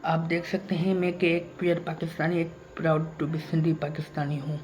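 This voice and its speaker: A man's voice: fairly high pitch, level tone, normal speed, darkish tone. Male vlogger, insistent and repetitive, faint background noise. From Pakistan. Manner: repetitive and emphatic, circles back to the same points. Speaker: YouTuber. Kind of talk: casual vlog monologue.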